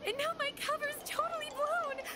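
A woman's voice: extremely high pitch, steady tone, moderate pace, noisy background. A woman playing an easily scared, flustered teenage schoolgirl in an anime video game, dramatic and emphatic. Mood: panicked outburst.

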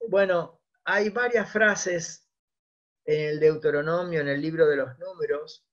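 Un hombre mayor con acento argentino da una clase de derecho, lee citas en voz alta y se detiene a recordar. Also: male voice, fairly high pitch, a bit bright. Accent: Argentine Spanish. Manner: reads out quotations, pauses to recall, thinks aloud. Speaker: lecturer on law. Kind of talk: academic lecture. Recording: dull lo-fi online talk.

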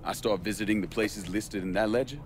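A man's voice: lowish voice, fairly quick, natural voice. An actor playing a hard, controlled male crime boss who speaks in terse, matter-of-fact lines. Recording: game audio with background noise.

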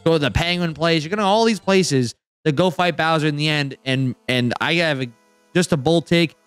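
A man hosting a casual roundtable chat, rambling and excitable, full of filler words. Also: fairly high pitch, moderate pace, clear, resonant tone, no echo, soft background music. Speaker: podcast host.

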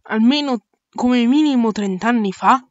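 A woman's voice: a little high, moderate pace, no room sound, highs cut off. A woman narrating an amateur audio drama in a casual, unscripted way.

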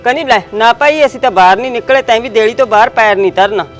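A woman's voice: a little high, fast talker, soft background music, close to an everyday voice. A woman playing a timid young village wife, hesitant and complaining. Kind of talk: village short film acting.

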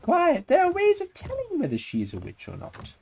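A man voicing a shrill, agitated male village peasant in a high, squeaky comic falsetto. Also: wildly swooping pitch, fairly quick, creaky, very noisy, exaggerated voice. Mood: shrill, excited.

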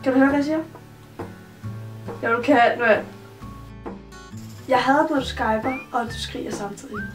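A woman's voice: high voice, recorded from a distance. A young woman chatting casually in a home vlog, teasing her younger brother and humming bits of songs. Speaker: vlogger. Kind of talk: casual chat. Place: home bedroom. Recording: voice a bit off-mic with loud music behind.

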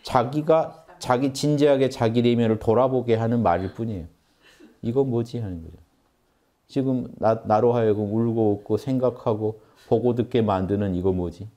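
A man's voice: mid-range voice, normal speed, dark tone. A man giving an earnest spiritual lecture on meditation, explaining and addressing his audience directly. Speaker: meditation teacher.

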